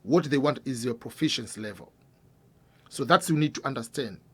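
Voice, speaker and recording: A man running a scholarship advice channel explains things to camera in an earnest, informal way, repeating points and asking the viewer questions. His voice is lively, fairly quick and slightly rough, sinking low and quiet at the ends of phrases.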